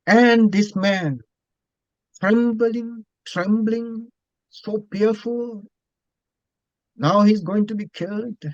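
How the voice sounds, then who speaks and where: A man, a Buddhist monk teacher, telling a story in a dharma talk, speaking slowly and deliberately and repeating phrases. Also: high voice, fairly even intonation, darkish tone, no room sound, lo-fi sound.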